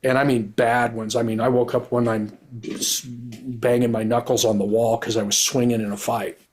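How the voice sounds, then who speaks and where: A man's voice: medium pitch, little pitch movement, normal speed. A middle-aged man speaking with candor, a retired cop who rambles and restarts his sentences. His voice sits in an ordinary middle register, and his delivery is earnest and unpolished. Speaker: guest, retired police officer and author. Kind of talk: candid conversational storytelling.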